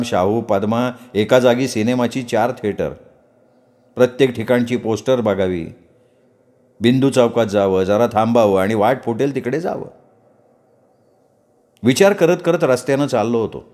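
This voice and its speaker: A man narrating a first-person story in a conversational, lively storytelling manner. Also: mid-range voice.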